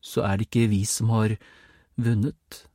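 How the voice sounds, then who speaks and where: A man voicing an eager young boy who shouts urgently for his mother in an audiobook, his voice lifted high and loud. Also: level tone, no echo, clean studio sound, lightly acted. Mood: unsure.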